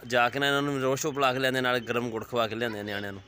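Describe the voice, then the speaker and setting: A man's voice: mid-range voice, level tone, very fast, sharp tone. A young man with a Pakistani Punjabi accent, chatting and explaining as he goes in a casual village vlog. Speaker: village vlogger.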